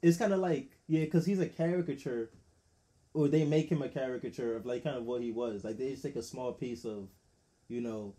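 A man's voice: medium pitch, fairly quick, warm tone. A man hosting a podcast, talking casually in loose slang, often laughing and trailing off mid-thought. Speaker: podcast host. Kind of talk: casual chat.

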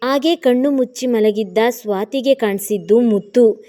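A woman storyteller in steady, flowing scripted story narration. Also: fairly high pitch, a little slow.

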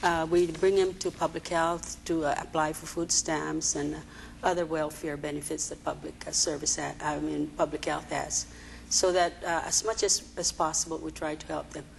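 Low gravelly woman, halting. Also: little pitch movement, a little hiss or hum, poor audio. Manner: hesitant, many fillers and restarts. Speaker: executive director of a social services agency, interview guest. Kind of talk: TV interview answers. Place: TV studio.

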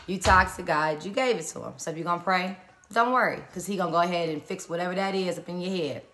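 A woman's voice: fairly low pitch, fast talker, a bit bright, slight background noise. A woman hosting a live-stream morning encouragement, colloquial and preacherly as she greets viewers by where they are.

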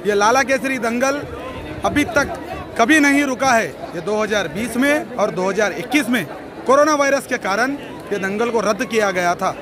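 A middle-aged man, a wrestling organizer giving a loud, pleading press statement into news mics, repeating phrases for emphasis. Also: high-pitched, moderate pace. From Hyderabad, India. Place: outdoor stadium at night, wrestling crowd. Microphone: cluster of handheld news mics. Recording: outdoor event with loud crowd.

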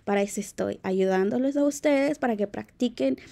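A young woman, a native Q'anjob'al speaker, giving a casual, friendly language tutorial, often halting and correcting herself. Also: a little high, gravelly, dark tone. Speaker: language teacher on video.

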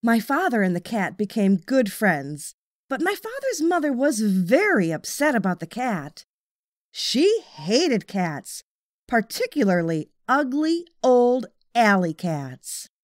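A woman's voice: on the high side, sing-song, slow pace, no echo, studio quality. A woman reading a children's audiobook as scripted storybook narration.

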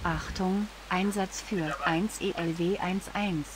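A woman's voice reading out alarm call-outs as a radio dispatch announcer, flat and clipped, spelling out letters one by one. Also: lowish voice, takes it slowly, background noise.

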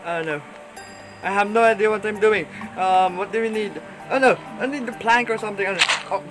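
A young man with a slightly high voice talks his way through a horror game in a jittery, panicky let's-play commentary. He keeps fretting aloud and repeating himself. Loud game music plays behind him. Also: moderate pace, rough recording. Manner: nervous, panicky, repeats "oh no" over and over. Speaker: gaming YouTuber.

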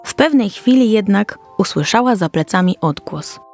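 A woman with a mid-range, animated voice reads a scripted children's story as narrator, moving at a moderate pace. She tells it carefully and descriptively while soft music plays under her.

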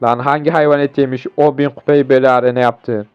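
A hoarse young man giving excitable, foul-mouthed commentary on a mobile game match as he plays, talking to his viewers. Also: mid-range voice, fast talker, faint music behind. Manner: excitable, swearing, talks to viewers mid-match. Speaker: gaming YouTuber. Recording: dull lo-fi recording.

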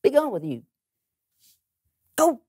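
A man's voice: extremely high pitch, very animated, slow pace, heavily acted. A middle-aged man playing a stingy, scornful rich landowner in a comic children's Bible sketch, mocking and exaggerated.

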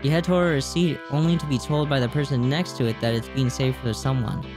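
Brisk and steady, a medium-pitched man in his twenties reads out game text and throws in casual comments as a gaming YouTuber. A desk microphone sits close to him in a small room at home, with game music audible behind.

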